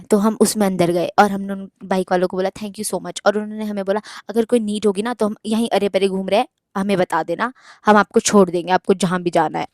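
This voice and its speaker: A young woman vlogger telling a story in a casual, animated way, mixing in English words and swearing. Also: mid-range voice, no echo, studio quality.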